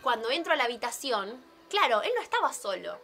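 A woman's voice: on the high side, very animated, a little fast, vocal fry, sharp tone. Young Rioplatense woman telling a story. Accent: Rioplatense Spanish. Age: young adult. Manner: playful storytelling with voiced asides. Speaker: host. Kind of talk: casual chat on a live stream.

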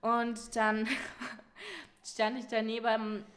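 A young woman tells a story as a guest in a relaxed conversation, her voice sitting a little high. She keeps it animated, slipping into laughter as she talks. The delivery stays casual and chatty throughout. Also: very slow. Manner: animated, laughs often while telling. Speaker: podcast guest.

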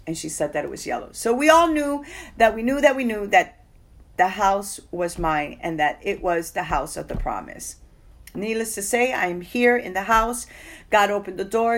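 A woman sharing a personal testimony in a sermon, telling the story earnestly and quoting others along the way. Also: mid-range voice.

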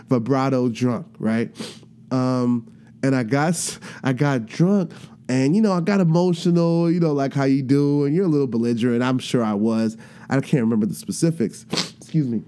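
A man in his thirties hosting a podcast, talking candidly in a casual monologue, telling stories animatedly and laughing at himself. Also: mid-range voice. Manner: animated storytelling, acts out voices, laughs at himself. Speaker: podcast host.

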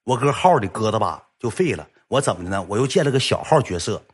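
A young man tells a comic story at a rapid clip. His husky voice swings widely up and down as he acts out every quoted line. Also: on the low side. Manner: lively, animated, acts out quoted lines.

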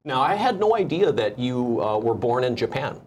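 A man's voice: medium pitch, big pitch swings, moderate pace, slight background noise. A man hosting a studio interview show, enthusiastic and often saying "I mean". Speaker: talk show host.

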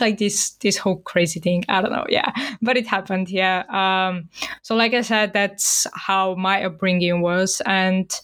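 A young woman from Bulgaria hosting her own podcast, talking casually with lots of fillers. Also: medium pitch. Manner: chatty, many fillers like "like" and "um". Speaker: podcast host. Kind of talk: casual solo podcast talk.

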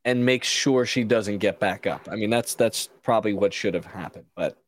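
A man's voice: lowish voice, normal speed. A man hosting a casual show review chat, rambling and opinionated, with frequent restarts. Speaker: podcast host.

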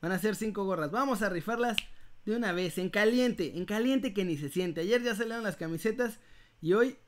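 A man with a Mexican accent hosting a casual live giveaway, speaking to viewers like a playful, animated prize announcer. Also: high-pitched, moderate pace. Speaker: host of an online news channel running a live giveaway.

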